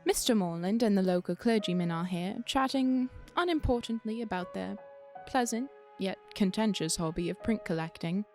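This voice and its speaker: A woman's voice: medium pitch, normal speed, hardly any pauses, a little mellow, close to an everyday voice. A woman playing a teasing, worldly fairy storyteller, narrating an audio drama in an arch, theatrical way. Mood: arch, knowing. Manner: arch, conversational. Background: music.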